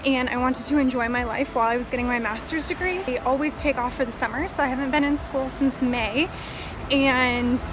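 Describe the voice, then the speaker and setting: Young woman from the US, high voice, chatty vlog talk, handheld camera, music bed underneath. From United States. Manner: chatty, upbeat, lots of "like". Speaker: travel and lifestyle vlogger. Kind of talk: casual vlog chat to camera. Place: walking city streets, then her room.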